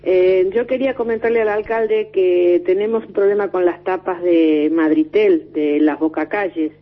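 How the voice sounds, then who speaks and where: A woman phones in to a radio show, and her voice comes through a tinny phone line. Her tone is husky and slightly breathy. She explains her complaint in a rambling, hesitant way. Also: lowish voice, steady tone, moderate pace. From Spain. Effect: over the phone. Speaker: radio caller. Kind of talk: phoning in a complaint.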